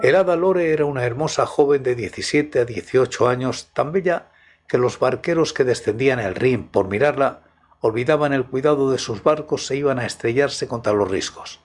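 A man with a husky voice narrating scripted tales as the host of a story programme. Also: medium pitch, moderate pace. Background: music.

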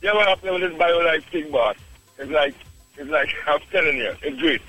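A Trinidadian man in his fifties phones in to a radio show to give a glowing testimonial, chuckling and calling the host "boss" over and over. His voice is fairly high, brisk and sharp-toned, the audio has its highs cut off, and soft music plays in the background.

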